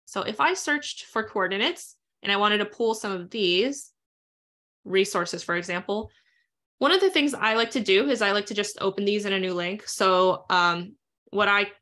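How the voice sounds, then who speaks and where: Woman webinar instructor, bright tone, fast and casual with lots of filler words. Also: mid-range voice. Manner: fast, chatty, lots of ums and uhs. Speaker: instructor leading a live webinar. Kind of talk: live software tutorial with screen share.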